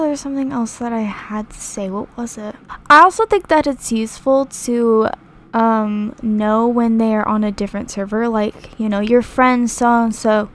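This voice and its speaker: A young woman chatting casually over gameplay, rambling with many fillers and restarts, reading viewer comments aloud. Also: a little high. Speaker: gaming YouTuber.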